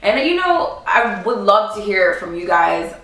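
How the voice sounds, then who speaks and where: A woman's voice: mid-range voice, big pitch swings, a little slow, sharp tone. Earnest woman co-host, echoey room. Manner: earnest, chiming in with agreement. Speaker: podcast co-host. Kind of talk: casual chat. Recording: echoey room, mic far off.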